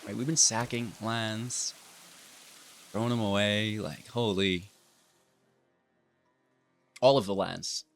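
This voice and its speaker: A man with a fairly low voice talks through his card game in a casual, joking way. He teases his opponent as he plays. Quiet music runs faintly underneath. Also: fairly even intonation, slow pace, gravelly, long pauses. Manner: playful, teasing asides to the opponent. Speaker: gaming video host. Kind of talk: casual gameplay commentary.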